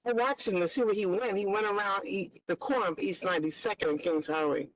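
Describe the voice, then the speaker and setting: A woman community member asking persistent questions at a public meeting, her voice coming through muffled with only the bass left. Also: fast talker, slight background noise. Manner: persistent, presses for specifics. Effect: muffled remote audio with the bass only. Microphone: remote call-in line. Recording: muffled dull remote line.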